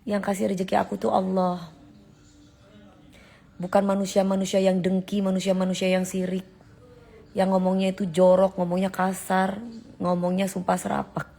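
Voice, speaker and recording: Live-stream host, woman, 40s, gravelly fry, chatty and emphatic. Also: medium pitch, darkish tone. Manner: chatty, emphatic, answers comments directly. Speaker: live-stream host reading viewer comments. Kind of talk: casual live-stream chat.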